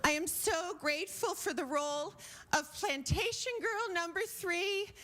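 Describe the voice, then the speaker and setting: A woman voicing a gushing adult-film actress giving an award thank-you speech in a breathless, high voice. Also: a little slow, heavily acted. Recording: loud noise over the voice.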